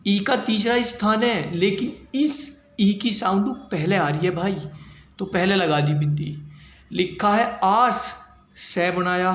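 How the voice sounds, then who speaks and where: A high-voiced man gives a shorthand lesson, walking through each step slowly and often checking that his students follow. He sounds casual and patient. The room echoes, and a faint background noise sits under his voice. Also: fairly bright tone. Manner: repeats points, keeps asking if it is clear. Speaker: shorthand teacher.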